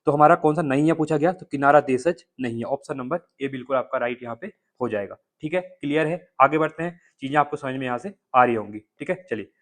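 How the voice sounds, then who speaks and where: A man's voice: mid-range voice, fast, hardly any pauses, a bit bright. A man teaching as an exam coach, walking through test questions one by one and checking often that listeners follow, with an Uttarakhand Hindi accent. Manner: explains answers step by step, repeating checks with listeners.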